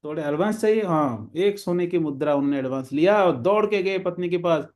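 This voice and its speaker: A man's voice: on the high side, fairly quick. A man preaching, telling a devotional story and acting out the characters' lines in different voices.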